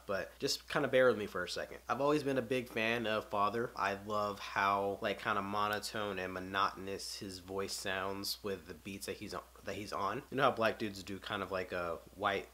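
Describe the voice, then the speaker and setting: A man's voice: lowish voice, pushed and bright. A young man giving a casual album review, loose and rambling with lots of filler words.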